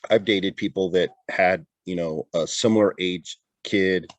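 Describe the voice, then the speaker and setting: A middle-aged man speaks in a low, deep voice, telling his story candidly in a relaxed podcast chat. He often repeats and restarts phrases as he goes. The sound is dry and close to the mic. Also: measured pace, no echo. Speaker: interview guest, retired border patrol agent. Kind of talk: casual conversational interview.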